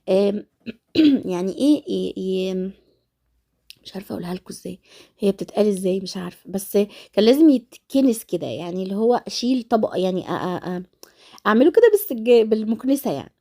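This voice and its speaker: A woman's voice: medium pitch, expressive, quick pace, mellow. A middle-aged woman with an Egyptian Arabic accent, congested and nasal, chatting casually and ramblingly to her followers in a vlog voice-over. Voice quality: congested, nasal from a blocked nose. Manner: rambling, familiar address to followers. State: stuffed-up nose and throat. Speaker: vlogger.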